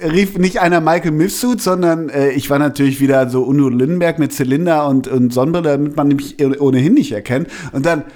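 A man's voice: on the high side, fairly quick, hardly any pauses, a little mellow. A man co-hosting a podcast in easygoing casual banter. He is playful and likes to spin comic what-if scenarios as he talks. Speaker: podcast co-host.

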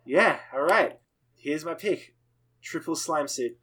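Brief: playful man guest, a bit high-pitched. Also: animated, slow pace, a bit bright, slightly rough. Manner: playful, riffing jokes. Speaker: podcast guest. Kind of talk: casual podcast chat.

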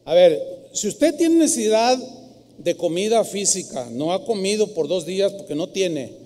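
A man with a Mexican accent preaching a sermon in an animated, humorous and scolding manner. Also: high voice, moderate pace, in a large hall, a little hiss or hum. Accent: Mexican Spanish. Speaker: pastor. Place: church.

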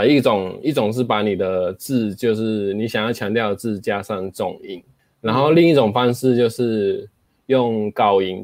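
Male host, lower pitch, dry close recording, casual explanatory delivery with spoken demos and fillers. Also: a little mellow, no echo. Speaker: host explaining speaking skills.

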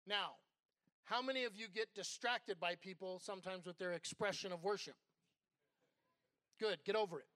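A man's voice: high voice, moderate pace, long pauses, fairly bright tone, no echo. A middle-aged man, an associate pastor, giving a candid, conversational sermon built on personal stories.

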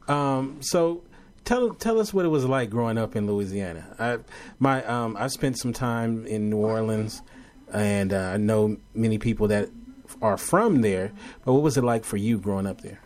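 A man from Los Angeles hosting an internet radio show, interviewing a guest in a relaxed, hesitant way with many fillers. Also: on the low side, normal speed. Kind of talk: casual interview.

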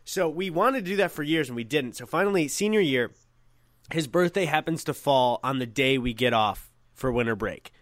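A young man co-hosting a podcast, telling a high school story in a rambling, self-correcting way and swearing freely. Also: expressive, moderate pace, dry recording, clean studio sound. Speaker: podcast co-host. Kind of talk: casual storytelling chat.

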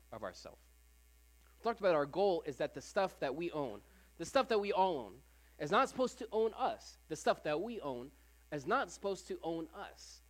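A preacher giving a conversational Sunday sermon to a congregation, often repeating phrases and filling pauses with "like". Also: mid-range voice. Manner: casual, repeats phrases, frequent "like" fillers.

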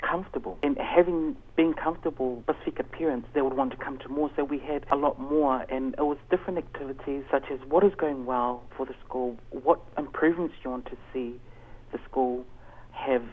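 A man's voice: medium pitch, fairly even intonation, brisk. A man giving earnest, explanatory answers as a guest in a conversational interview. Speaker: interview guest, education facilitator. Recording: tinny narrow phone line.

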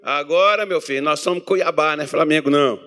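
With a brisk, slightly high voice, this preacher from Mato Grosso speaks in Brazilian-accented Portuguese during a sermon in a church meeting hall. He keeps it animated, putting questions to the congregation and drawing their responses.

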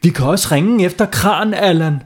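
A man's voice: sits high, slightly rough, voice pushed up. A man voicing an upset little boy in a children's audio story, speaking in a raised, whiny voice. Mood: flustered. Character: crying little boy who lost his fishing rod.

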